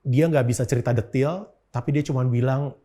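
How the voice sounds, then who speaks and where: Mellow-voiced man telling his story. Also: mid-range voice, fairly quick. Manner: storytelling with frequent 'gitu' fillers and acted-out quotes. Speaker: interview guest. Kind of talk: personal testimony in casual chat.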